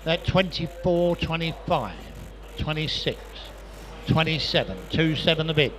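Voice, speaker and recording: Man, live auctioneer, repetitive bid-calling patter, fairly high voice, some background noise. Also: lively intonation, measured pace, fairly bright tone. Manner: repetitive patter of prices and bids. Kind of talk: live auction chant, rapid repeated bid calls. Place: busy auction sale room.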